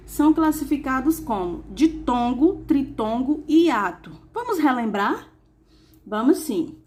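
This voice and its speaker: A woman teacher reviewing a lesson for young pupils, saying examples slowly and asking rhetorical questions. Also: high voice, a little mellow. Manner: slow, clearly spelled-out examples with rhetorical questions.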